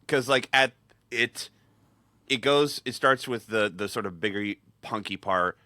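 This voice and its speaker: Bright, crisp-voiced man on a dry mic. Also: on the low side, no echo. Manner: enthusiastic, descriptive, talks fast when excited. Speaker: podcast co-host. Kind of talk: casual chat about music.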